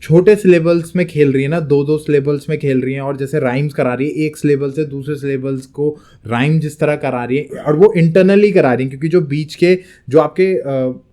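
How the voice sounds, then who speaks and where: A man's voice: a little high, normal speed, hardly any pauses, warm tone. A young man co-hosting a rap reaction show, chatting casually in Hindi and English and explaining rhyme technique at length. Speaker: co-host reacting to a rap track.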